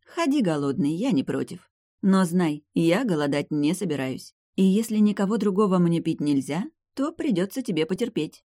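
A high, mocking young vampire lady from an audiobook, as a male reader puts her on. She taunts with smug, teasing confidence. The sound is close and dry. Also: sing-song, moderate pace, mellow, no echo. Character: haughty young female vampire noblewoman, mocking.

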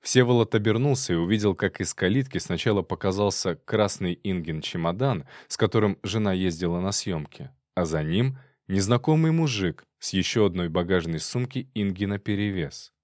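A man narrating a story in an expressive audiobook reading. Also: low voice, normal speed, few pauses, no room sound, studio quality.

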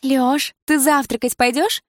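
A woman's voice: high voice, fairly even intonation, a little slow, no room sound, studio quality, pitched above the performer's own voice. A woman voicing a playful, teasing young ex-girlfriend.

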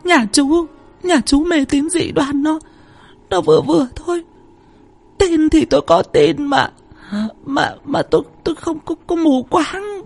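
Woman as a tearful, high-pitched older village woman, pleading and scared. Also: big pitch swings, unhurried, darkish tone, soft background music, exaggerated voice. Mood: doubtful pleading. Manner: tearful, begging.

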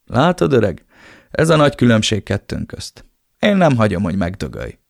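A man voicing a blunt, loyal male henchman who scolds his friend gruffly, in an audiobook. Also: lowish voice, huge pitch swings, no echo, studio quality, full character voice.

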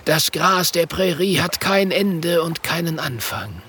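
A man voicing an old, solemn great chief who speaks slowly and murmurs his pronouncements, in a storybook reading. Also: on the high side, animated, bright, forceful tone, slight background noise, pitched above the performer's own voice, full character voice.

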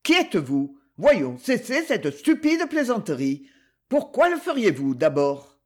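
A man's voice: high voice, huge pitch swings, unhurried, pitched above the performer's own voice, full character voice. A man voicing a frightened thirty-five-year-old crime novelist who speaks tensely and sharply. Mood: irritated. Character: nervous hunted male crime novelist, 35.

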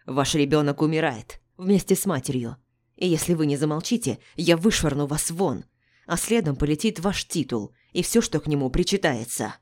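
A woman's voice: deep voice, lively intonation, moderate pace, a little mellow. A woman voicing a harsh, embittered male doctor. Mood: furious. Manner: harsh, snapping and contemptuous. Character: gruff embittered middle-aged male doctor.

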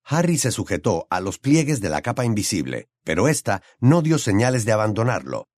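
Expressive male audiobook narrator. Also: fairly low pitch, a little fast, no room sound, clean studio sound. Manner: dramatic, expressive reading.

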